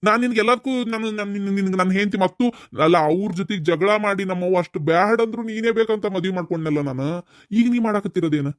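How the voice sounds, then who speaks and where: A man with a North Karnataka Kannada accent voicing a grown son in a cartoon family quarrel, demanding answers and calming his mother. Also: sits high, fast, no echo, studio quality, close to an everyday voice. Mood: angry questioning. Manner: demanding, then coaxing and soothing. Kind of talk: cartoon voice acting.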